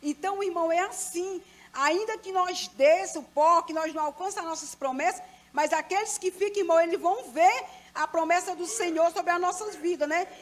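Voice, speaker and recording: A woman's voice: very high voice, brisk. A middle-aged Brazilian woman at a church service, sharing a rambling testimony and praying fervently and repetitively, calling out to God and the pastor again and again. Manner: rambling, keeps turning to the pastor with "né"; fervent, repetitive prayer full of "Senhor" and "Pai". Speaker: church member giving testimony and offering prayer. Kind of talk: testimony and spontaneous prayer.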